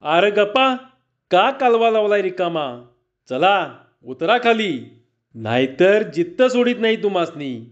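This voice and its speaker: A man voicing a rough village bandit who shouts and bullies captives, on a dull lo-fi recording. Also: high voice, big pitch swings, measured pace. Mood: bullying. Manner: shouting, bullying.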